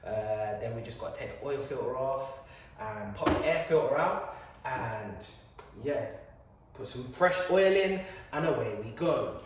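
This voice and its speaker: A man's voice: mid-range voice, lively intonation, a little slow, very noisy. Man, home mechanic, casual self-narration, wry and chatty, heavy echo, recorded from a distance. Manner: chatty, self-mocking, talking himself through the job. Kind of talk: casual narration while working on a car. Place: garage or workshop. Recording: very echoey, distant from the mic, faint ambience.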